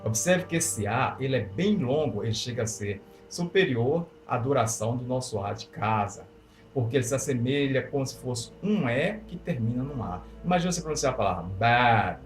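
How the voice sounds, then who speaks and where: Brazilian man, English teacher, mid-pitched voice, repeats example words, roomy echo, faint music. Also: lively intonation. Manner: explains slowly, repeats example words many times. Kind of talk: pronunciation lesson. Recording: echoey room with faint music.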